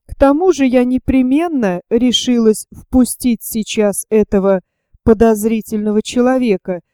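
A woman reading the part of a proud, stern aristocratic older lady who speaks in a measured, coldly formal way in an audiobook. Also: on the high side, mellow, smooth, no echo, clean studio sound, lightly acted.

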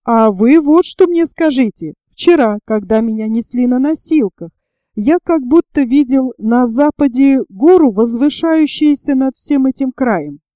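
A woman reading the part of a calm, thoughtful middle-aged male engineer, measured and reassuring. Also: high-pitched, no room sound.

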